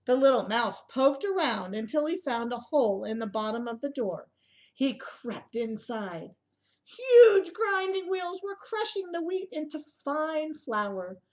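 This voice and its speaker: A woman whose voice sits high reads a picture book aloud at a measured pace for young children. She's expressive throughout, adding asides and putting questions to her audience.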